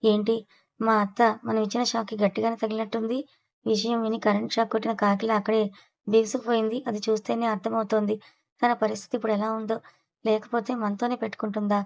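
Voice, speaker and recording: A woman's voice: a little high, flat delivery, quick pace, creaky. A woman voicing a spirited young bride who speaks in a taunting, cutting way, in an audio story. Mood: smug.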